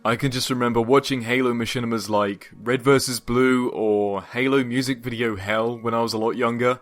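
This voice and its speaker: A man's voice: mid-range voice, fairly even intonation, moderate pace, soft background music. A man in his twenties hosting a gaming channel, answering viewer questions in an upbeat, casual vlog voice-over with joking asides. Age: 20s. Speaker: YouTube gaming channel host.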